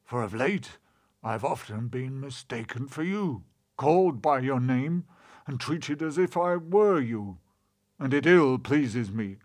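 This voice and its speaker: A man reading aloud, voicing a sullen, resentful male evil god in a storybook parable, grudging and low-voiced. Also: lively intonation, takes it slowly.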